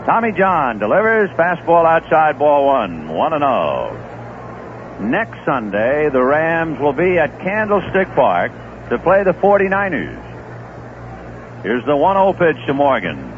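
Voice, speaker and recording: On a tinny old 1970s radio broadcast with faint hiss, a male play-by-play man calls baseball live. He takes his time, filling the gaps between pitches with easygoing stories.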